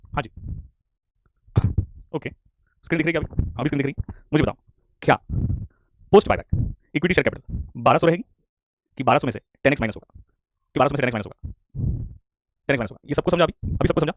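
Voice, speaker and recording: A male teacher with a hoarse throat drills his students in an online lecture. He talks very fast in a high voice, repeats himself and keeps asking them questions. The sound is dry and close. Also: no room sound. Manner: scolding, repeats lines, quizzes students. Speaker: commerce teacher.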